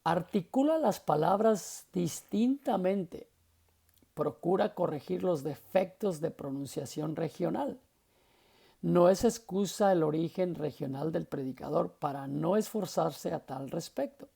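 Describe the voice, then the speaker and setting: Gravelly guy teaching a preaching class, slow and dark, keeps asking if everyone's following. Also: fairly high pitch, animated. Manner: explanatory, often checks understanding with short questions. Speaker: homiletics teacher.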